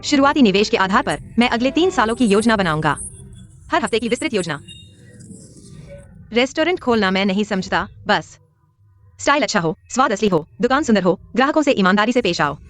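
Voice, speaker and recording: An actress plays a brisk, bossy young woman in a dubbed TV drama. She talks in an organized, businesslike way, at a middle pitch for a woman. Soft music runs faintly underneath. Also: lively intonation, lightly acted. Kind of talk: Hindi dub of a TV drama.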